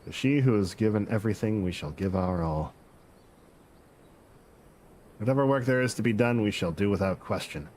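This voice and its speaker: A man's voice: lowish voice, expressive, moderate pace, pauses often, a little mellow, slight background noise, natural voice. A man reading a solemn refugee elder's game dialogue aloud, with a slight pirate-like lilt. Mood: resolute.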